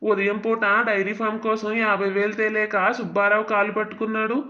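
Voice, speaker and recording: A man's voice: high voice, completely flat delivery, fairly quick, pushed and bright, highs cut off. A man voicing Seenu, a young village man in a cartoon family drama, arguing and accusing in a heated way. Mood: worried.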